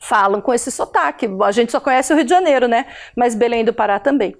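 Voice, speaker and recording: A woman's voice: on the high side, brisk. A woman teacher with a Brazilian Portuguese accent from Curitiba, giving a recorded video lesson to adult learners in a chatty way, often checking in with her listeners.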